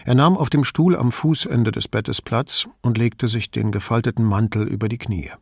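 A man's voice: mid-range voice, normal speed, creaky, husky, no echo, studio quality. Man narrating a crime audiobook. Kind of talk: scripted crime-novel narration.

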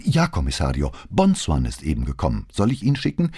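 A man's voice: very deep voice, huge pitch swings, brisk, darkish tone, husky, dry recording, studio quality, exaggerated voice. A man reading the part of a nervous young policeman who sounds increasingly unsure and apologetic.

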